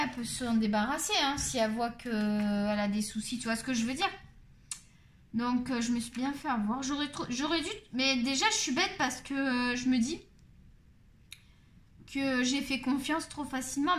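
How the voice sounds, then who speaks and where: A woman's voice: sits high, a bit bright. A middle-aged woman hosting a coloring video, chatting casually and candidly as she colors, rambling with many fillers. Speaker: coloring channel host. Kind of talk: casual chat while coloring.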